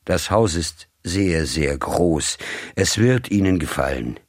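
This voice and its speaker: A cold, commanding gentleman from an old storybook, formal and measured in every word, as a male reader plays him. The voice sits extremely low and husky, with an unhurried pace. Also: expressive, no echo, studio quality, exaggerated voice. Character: cold, commanding middle-aged male agent of a rich employer.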